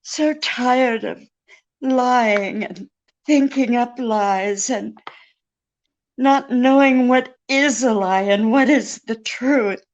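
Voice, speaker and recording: A woman's voice: a little high, slow pace. A woman playing a seductive, lying femme fatale in a radio detective drama, with a sultry, world-weary manner. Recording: dull lo-fi radio recording.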